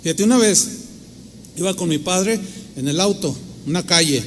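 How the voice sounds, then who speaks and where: A man with a Mexican accent preaching a sermon as a pastor, telling stories emphatically and acting out the voices he quotes. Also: sits high. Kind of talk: storytelling sermon. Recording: reverberant hall, faint noise.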